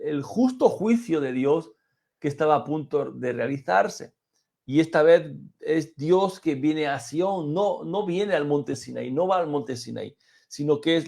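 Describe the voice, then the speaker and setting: A man preaching a sermon that teaches through a psalm, measured and speaking straight to the listener. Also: on the high side, creaky, darkish tone. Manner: measured, addresses listener directly with "fíjese". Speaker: pastor.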